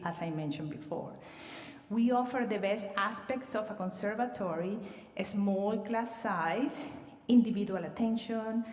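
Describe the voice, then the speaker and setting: A Venezuelan admissions director with a medium-pitched voice livestreams a presentation to students from a reverberant hall. She sounds warm and welcoming, with slightly non-native phrasing and some fillers. The room is echoey and she stands far from the mic.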